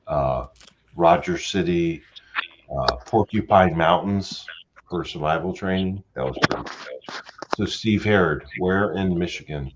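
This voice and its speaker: A guest caller with a very low male voice meanders through a casual live chat, halting often and leaning on lots of fillers. The call audio is dull and lo-fi, with faint noise.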